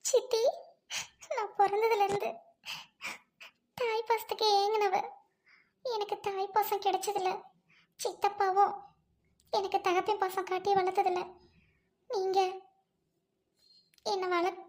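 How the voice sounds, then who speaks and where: A wounded young wife , voiced by a woman, pleads and sobs in a very high, narrow voice. She stays on one level, tearful but firm. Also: little pitch movement, takes it slowly, long pauses, darkish tone. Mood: grieving. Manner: sobbing, pleading. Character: young wronged wife, heartbroken but resolute.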